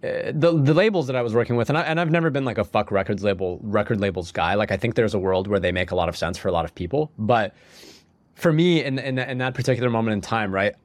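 A fast-talking young man with a lowish voice, recorded without echo, appears as a musician guest on a podcast. Sniffly from a cold, he rambles through his story, restarting often and saying "like" constantly.

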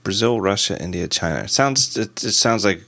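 A man hosting a casual tech podcast, animated and quick to laugh as he spins out hypotheticals. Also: fairly low pitch, dry recording. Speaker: podcast host.

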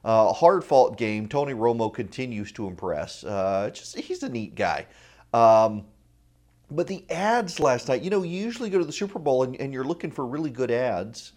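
A man hosts a talk radio show in a conversational, opinionated way, with a middle-pitched voice. He drops in dry, informal asides. The sound is echoey, picked up by a lav mic in a room with bare acoustics. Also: big pitch swings, moderate pace, a little mellow. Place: indoor room at a college without sound paneling. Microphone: lavalier.

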